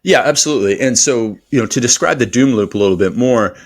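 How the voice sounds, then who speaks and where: A man who is a performance coach, talking as a podcast guest in an energetic, rambling motivational style with many fillers. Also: medium pitch, fast. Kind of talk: podcast interview conversation.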